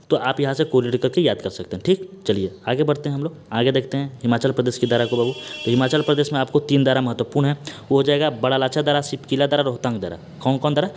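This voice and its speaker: Guy teaching a coaching class online, talks really fast, chatty, keeps checking in with students. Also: medium pitch, a little mellow. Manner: chatty, keeps asking "ठीक ना?" and calls students "Babu". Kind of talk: online exam-prep lecture.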